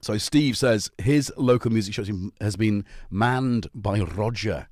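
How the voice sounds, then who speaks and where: Broadcasting from home, this middle-aged North Welsh livestream host banters with his viewers, calling them by name and cracking jokes. He speaks unhurriedly in a fairly low, gently mellow voice, captured at studio quality without any room sound.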